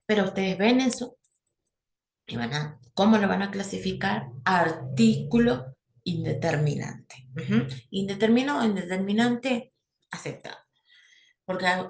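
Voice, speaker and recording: A middle-aged woman lectures on English grammar, pausing constantly to ask her students if they follow. Her voice sits low and gravelly. The sound is echoey, with a faint hiss underneath. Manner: explanatory, checks in with a constant "¿sí?". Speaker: English teacher. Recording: echoey room with faint noise.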